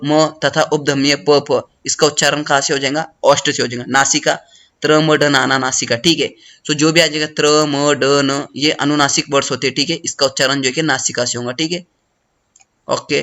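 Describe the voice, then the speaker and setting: Male teacher going thru notes fast, bright sharp voice, kinda high. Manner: fast, repeats "ठीक है" after each point. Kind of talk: study lesson explaining notes.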